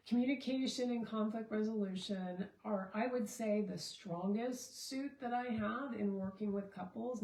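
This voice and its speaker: A woman's voice: medium pitch, warm tone, reverberant, poor audio. A middle-aged woman, a relationship and marriage coach, talking casually and rambling with many fillers and restarts. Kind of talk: casual Facebook Live talk.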